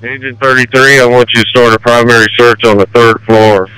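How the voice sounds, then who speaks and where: A man's voice: medium pitch, level tone, a little fast, sharp tone, smooth, no room sound, poor audio. A man giving urgent, terse orders over fire department two-way radio as the incident commander.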